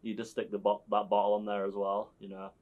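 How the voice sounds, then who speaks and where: British man, lowish voice, casual chat, hesitant, lots of fillers. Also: completely flat delivery, quick pace, narrow, tinny audio. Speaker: guest.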